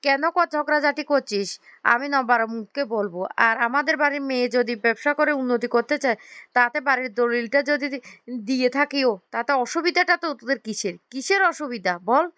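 A woman's voice: high voice, a little fast, clear, resonant tone, dry recording. A woman voicing a commanding middle-aged mother-in-law who scolds the household. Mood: scolding. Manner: sharp, commanding, reproachful.

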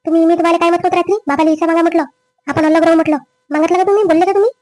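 A woman playing a greedy, scheming young wife in a family drama skit, with a quick, complaining manner. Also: very high voice, little pitch movement, a little mellow, no echo. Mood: demanding. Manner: quick, complaining, rising whine. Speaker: daughter-in-law.

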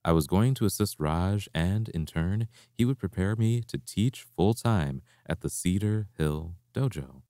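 Deep, mellow man reading a memoir. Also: unhurried, few pauses, dry recording, studio quality. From Canada. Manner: reflective, steady storytelling. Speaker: martial arts instructor. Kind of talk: reading a personal memoir aloud.

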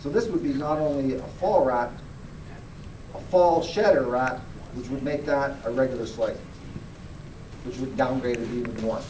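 Recorded by a distant camera in an echoey hall, a middle-aged fur grader demonstrates grading live for an audience in a large indoor space, frequently urging them to look more closely. He talks plainly at a medium pitch and moderate pace, pausing often. Background noise runs underneath.

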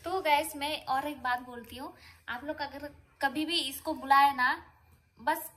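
A woman with a high voice talks to her viewers in a relaxed, rambling home vlog. She chats on casually and speaks to them directly. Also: measured pace. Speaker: vlogger. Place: home, indoors.

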